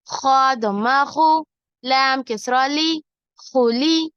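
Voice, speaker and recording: Woman teacher sounding out letters one by one, high voice, dry slightly muffled audio. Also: fairly bright tone, clear, resonant tone, no room sound. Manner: slow, deliberate syllable-by-syllable drilling. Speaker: Quran reading teacher. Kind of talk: spelling out letters and syllables slowly.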